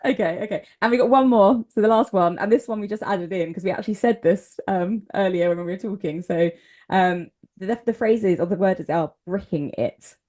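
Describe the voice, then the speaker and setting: A woman's voice: mid-range voice, brisk, warm tone. A well-spoken woman from Kent who hosts a podcast. She explains things patiently in casual chat and laughs often. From Kent, England. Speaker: podcast host.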